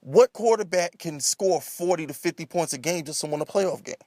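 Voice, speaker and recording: A man with a high-pitched voice goes off on a freestyle sports rant, recorded close and dry. He is emphatic and comically exasperated, building up his points with repetition, rhetorical questions and plenty of cursing. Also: normal speed, mellow, dry recording. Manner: ranting, escalating, comedic exasperation; heavy swearing. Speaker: sports commentator.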